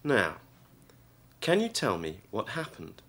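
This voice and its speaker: Man as police officer, slow, measured, friendly, lively tone. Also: on the low side, gravelly, pitched above the performer's own voice, heavily acted. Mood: calm. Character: tall polite male police officer, calm.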